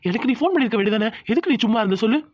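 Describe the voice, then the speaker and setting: A woman's voice: on the high side, expressive, racing, a little mellow, no echo. A woman voicing a firm, protective young husband who lectures and reassures his wife. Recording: dull lo-fi sound.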